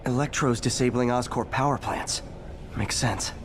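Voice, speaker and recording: A man with a medium-pitched, natural voice plays an earnest young superhero in a video game, musing to himself conversationally in a puzzled yet focused way. The naturalistic acting moves at a moderate pace, with a little hiss or hum in the audio.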